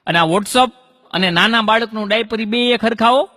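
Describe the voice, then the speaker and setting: A male comic spins folk stories and rhyming couplets from the stage. His voice is high and bright. A long hall echo trails each line. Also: normal speed. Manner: storytelling with punchlines and rhyming couplets. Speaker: stand-up comedian. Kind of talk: Gujarati folk stand-up comedy.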